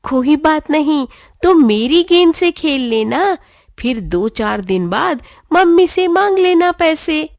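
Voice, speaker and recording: A woman's voice: high voice, animated, slow pace, no echo, clean studio sound, pitched above the performer's own voice, full character voice. A woman voicing a kind, sweet-voiced boy in a children's storybook reading. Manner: sweet, reassuring.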